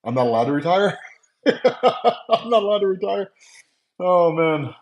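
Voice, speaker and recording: With a high-pitched, very animated yet unhurried voice, this forties-aged comics channel host chats casually on a live stream. He's making coffee at home and talking into wireless earbuds with lots of fillers and laughter, and the recording's highs are cut off.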